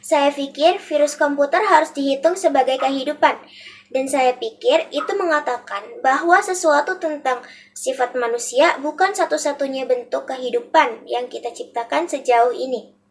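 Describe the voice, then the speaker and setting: A teenage girl, a vocational high school student from Indonesia, giving a school video presentation and reading her points one by one from a script. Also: normal speed, a little hiss or hum. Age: teens. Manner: reads from a script with listed points.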